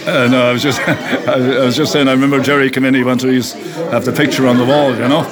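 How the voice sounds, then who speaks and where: A man's voice: mid-range voice, little pitch movement, fast talker. A man telling a casual anecdote in an informal, chuckling way. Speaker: bar owner, interviewee. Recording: busy crowd chatter behind. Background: crowd chatter.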